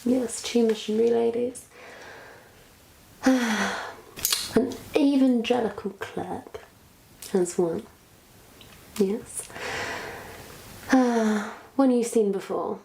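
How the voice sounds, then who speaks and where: A woman plays a sly, self-satisfied witch disguised as a missionary, delivering a theatrical, condescending monologue to a captive listener and savoring each word with long pauses. Her voice is fairly high, gravelly, dark in tone and exaggerated, with fairly even intonation and a smug, teasing mood. The recording has a roomy echo and faint background noise.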